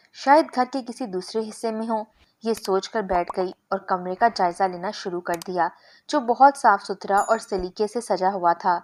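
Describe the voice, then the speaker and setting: Female storyteller, scripted first-person narration, steady and measured delivery. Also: medium pitch.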